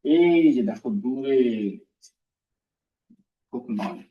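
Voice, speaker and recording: A man's voice: medium pitch, animated, slow, dark tone. A man teaching a primary school math class, explaining step by step, repeating terms and quizzing his pupils. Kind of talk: recorded classroom math lesson. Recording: roomy, distant and dull-sounding.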